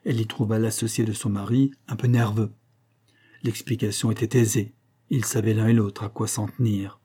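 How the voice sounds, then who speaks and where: Male audiobook narrator, husky, dark tone, steady reading. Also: on the low side, normal speed.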